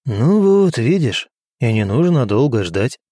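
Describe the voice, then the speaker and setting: A man voicing a lively, wry male aide. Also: mid-range voice, a little slow, no room sound, clean studio sound.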